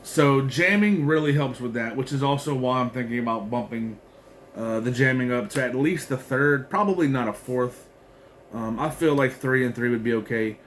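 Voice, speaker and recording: A man's voice: mid-range voice, moderate pace, a bit bright, a little hiss or hum. Rambling man reading card text aloud. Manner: rambling, filler-heavy, reads card text aloud with frequent restarts. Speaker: card game content creator. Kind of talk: casual deck walkthrough.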